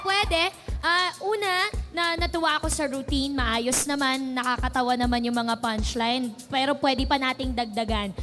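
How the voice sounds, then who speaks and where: A woman judging a TV talent show, giving friendly, gentle advice to a contestant. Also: high voice. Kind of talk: critique on live TV.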